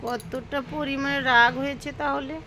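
A woman's voice: sits high, fairly even intonation, normal speed, noisy background. A woman vlogging about her pets at home, talking to viewers as friends and cooing sweetly to the animals. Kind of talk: casual pet vlog narration.

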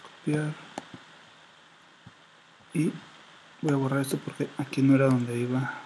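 Man, web design tutorial, casual think-aloud, mellow dark voice, faint typing in background. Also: medium pitch, flat delivery, measured pace. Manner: casual, thinking aloud while working, reads words as he types them. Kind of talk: screen-recorded software tutorial. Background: keyboard typing and faint room noise.

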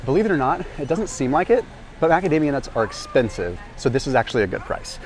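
A nutrition vlogger in his thirties talks fast and very animatedly in a medium-pitched voice as he walks an aisle of a large indoor warehouse store. Speaking energetically to camera through a small lapel mic, he explains nutrition as an educational grocery walk-through.

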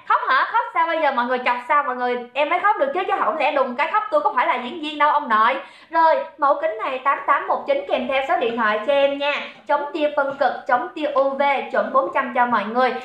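A young Saigon woman with a Southern Vietnamese accent runs a live sales stream, chatting, cracking jokes, and calling out viewers by name. Her voice sits high, and the lo-fi audio carries a roomy echo.

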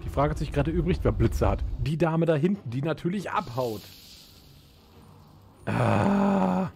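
Lively man with jokey gaming banter. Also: a little high, measured pace, gravelly. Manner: jokey, trash-talks game enemies. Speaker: let's play host. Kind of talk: casual gaming commentary. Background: game music.

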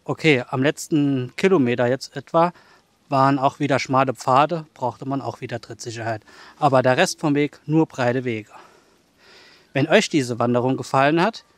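A man's voice: medium pitch, no echo. Middle-aged male hiking vlogger, matter-of-fact, dry and close sound, walking outdoors with the camera at arm's length. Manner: plainspoken and matter-of-fact, talking while walking. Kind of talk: casual spoken recap. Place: outdoors on a snowy forest trail. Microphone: camera held at arm's length.

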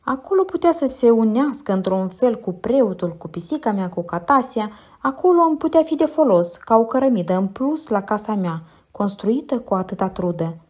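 A woman narrating a literary audiobook in a measured, quiet, reflective way. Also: a little high, animated.

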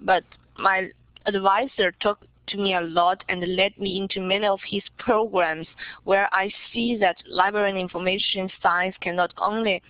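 A woman's voice: mid-range voice, dry recording. Young Chinese-accented woman, dull recording. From China. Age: young adult. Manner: hesitant, searching for words in non-native English. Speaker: interviewee, visiting scholar. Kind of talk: interview answers.

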